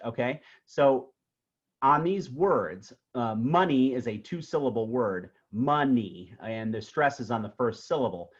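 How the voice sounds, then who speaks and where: A man teaching a recorded music theory tutorial in a relaxed, explanatory way who keeps checking in with "okay?". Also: medium pitch. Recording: slightly dull lo-fi audio.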